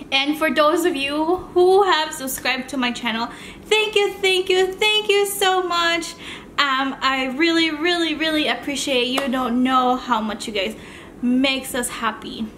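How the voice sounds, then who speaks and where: Slow-talking woman chatting while eating. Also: high-pitched, fairly bright tone, slight background noise. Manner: chatty, rambling, eating between sentences. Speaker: mukbang channel host. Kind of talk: casual chat while eating on camera.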